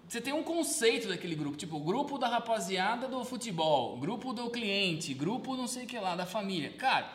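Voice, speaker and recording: High-voiced man chatting in an echoey room. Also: sing-song, brisk, fairly bright tone. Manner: laid-back, slangy, filler-heavy. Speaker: podcast co-host. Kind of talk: casual podcast chat. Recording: roomy echo with faint background hum.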